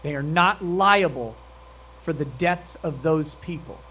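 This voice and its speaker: A streamer delivers profane, mocking live commentary on a meeting clip, laughing frequently. His voice is a little high, a little slow and sharp, and there's some hiss or hum in the audio.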